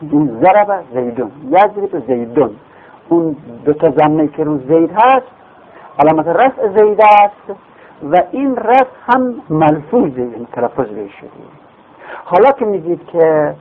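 A man's voice: fairly high pitch, sing-song. A man teaching grammar in a classroom lecture, explaining patiently, repeating terms and asking and answering his own questions. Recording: phone-like lo-fi recording.

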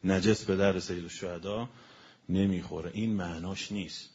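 A man's voice: low-pitched, steady tone, darkish tone, slightly rough. Man preaching a colloquial sermon. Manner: explains word meanings slowly and emphatically, then speeds up. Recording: dull lo-fi recording with faint noise.

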